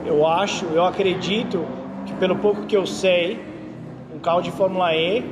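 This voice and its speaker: A Brazilian racing driver and instructor with a high voice chats casually in an interview at a moderate pace, with background noise behind him. An animated storyteller, he keeps checking in with listeners and often tags his lines with "entendeu?"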